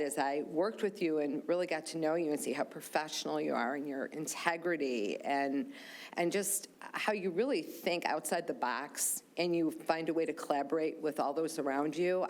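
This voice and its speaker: A woman's voice: sits low, darkish tone. A woman who is a local official, giving informal congratulatory remarks to a colleague in public. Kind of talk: informal public tribute speech.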